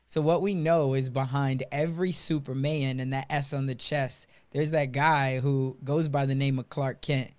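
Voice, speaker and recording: A man hosting a podcast, giving his guest a measured introduction. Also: mid-range voice, fairly even intonation. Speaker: podcast host. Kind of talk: scripted-sounding interview introduction.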